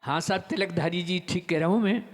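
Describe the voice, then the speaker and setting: A man's voice: high-pitched, fairly quick. An older man giving a live humorous poetry recital, half-singing his verses, repeating lines, chuckling and urging applause. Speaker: poet. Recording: long reverb of a live stage PA.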